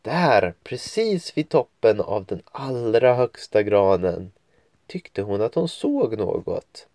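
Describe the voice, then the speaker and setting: A man's voice: lowish voice, sing-song, a little mellow, dry recording, clean studio sound. A man reading a children's story aloud at home, with playful voices for the children's lines. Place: home room at a computer.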